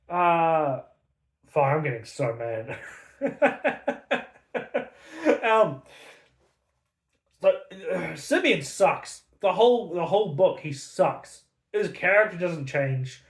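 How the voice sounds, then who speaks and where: Profane, high-voiced male book ranter. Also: reverberant. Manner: profane, angry, sarcastic. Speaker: book reviewer. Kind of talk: casual ranting review.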